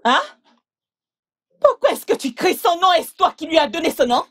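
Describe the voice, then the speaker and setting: A woman's voice: very high voice, big pitch swings, normal speed, heavily acted. A woman voicing a domineering, scornful mother in a French film dub, mocking and scolding. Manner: mocking and scolding, then hushed and coaxing. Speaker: mother of the bride.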